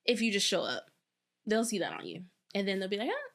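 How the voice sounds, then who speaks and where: A woman's voice: medium pitch, brisk, creaky. A young woman in her twenties, a former pro dancer, chatting casually as an interview guest and acting out what others said. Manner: chatty, animated, acts out quotes.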